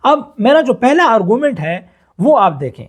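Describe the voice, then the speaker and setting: High-voiced Pakistani tutor explaining earnestly. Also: male voice, very animated, moderate pace. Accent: Pakistani Urdu. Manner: earnest, instructive, mixes English into Urdu. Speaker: exam essay tutor. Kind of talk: explanatory lesson.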